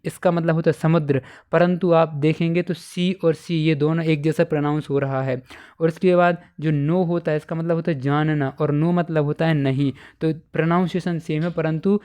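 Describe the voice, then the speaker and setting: Clear-voiced male teacher. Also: a little high, fairly even intonation, darkish tone. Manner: explains step by step, repeating and dictating answers slowly. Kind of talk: exam paper walkthrough for schoolchildren.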